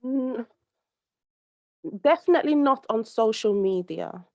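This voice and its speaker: A young adult woman from the UK, a social commentator guesting on a podcast, speaks earnestly in a conversational interview over a call. Her voice is fairly high and animated at a measured pace, and she rambles with many fillers and restarts.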